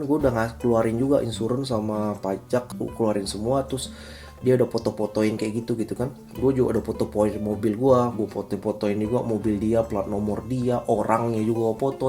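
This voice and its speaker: A man in his thirties from Indonesia, telling a personal story in a casual, slangy, animated vlog style. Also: medium pitch. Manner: chatty, slangy, animated retelling with acted quotes. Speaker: vlogger. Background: faint guitar music.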